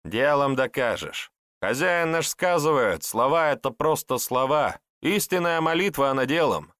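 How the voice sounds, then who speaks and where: A man's voice: medium pitch, lively intonation, moderate pace, a bit bright, no echo, clean studio sound, voice pushed up, natural voice. A man voicing a stocky, well-fed young estate worker who grumbles reluctantly. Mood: grumbling. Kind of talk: audiobook character voice.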